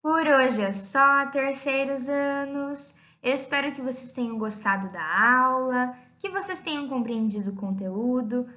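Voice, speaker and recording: High, lively Brazilian woman teaching children. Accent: Brazilian Portuguese. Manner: slow, deliberate, sing-song teacher delivery. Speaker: primary school teacher. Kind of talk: recorded remote lesson for young children. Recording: slightly dull lo-fi audio.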